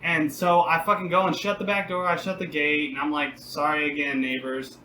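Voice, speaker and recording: A young man co-hosting a podcast, telling a long, rambling, profane story in a casual, animated way. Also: fairly high pitch, a little fast, a loud crowd. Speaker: podcast co-host. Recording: roomy echo, faint background noise.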